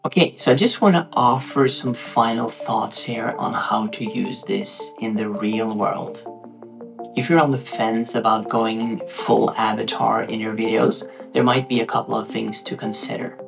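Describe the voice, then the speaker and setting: Gravelly Norwegian-accented man explaining software. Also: fairly low pitch, measured pace, over music. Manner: loose, stop-start explaining while clicking through screens. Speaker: tutorial host. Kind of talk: casual software tutorial walkthrough.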